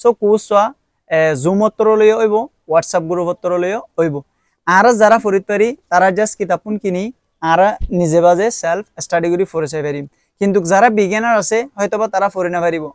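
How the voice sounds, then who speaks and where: Man, young adult, Rohingya accent, high voice, hesitant explainer, dry sound. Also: no room sound. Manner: explains step by step with frequent hesitations. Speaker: book reviewer. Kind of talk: casual spoken product review.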